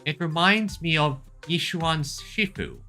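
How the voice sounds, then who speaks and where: A man, a game player and streamer, gives casual commentary while playing and reads the game's text aloud, sometimes stumbling over names. His voice is a little high with a sharp tone, and he speaks slowly over faint music.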